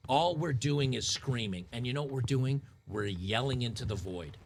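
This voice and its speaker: A man's voice: medium pitch, animated, normal speed, creaky, a little hiss or hum. A man, ranting in a frustrated, sarcastic, rambling way. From Tennessee, USA. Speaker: commentator. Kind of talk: ranting commentary.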